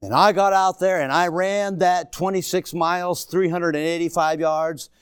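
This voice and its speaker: A man's voice: sits high, steady tone, normal speed, clean tone, no room sound, clean studio sound. A man in his sixties preaching a sermon to a congregation, emphatic and exhorting, repeating phrases for effect. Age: 60s. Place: church before a congregation.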